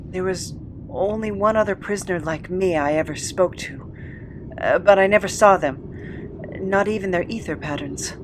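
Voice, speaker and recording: In an audio drama, an actor plays a weary, haunted former captive recounting a cruel past in a halting, measured way, subdued and uncertain. The mid-range voice is lightly acted against a noisy background.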